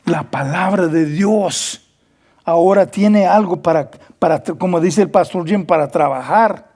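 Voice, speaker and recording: A man's voice: fairly high pitch, a little mellow. A man preaching a Bible study sermon as pastor, earnest, repeating words and acting out quoted dialogue, slipping between Spanish and English.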